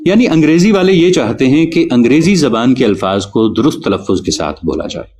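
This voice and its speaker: A man teaching a spoken lesson on correct pronunciation, explaining carefully and spelling out sounds slowly. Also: mid-range voice, very animated, a little mellow. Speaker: Urdu teacher.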